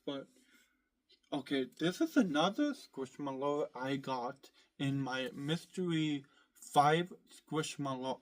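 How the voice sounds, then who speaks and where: A man vlogging at home in a rambling, casual way, his voice hoarse from being sick and his throat often clearing. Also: on the high side. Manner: rambling, full of fillers and restarts. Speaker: vlogger showing his collection.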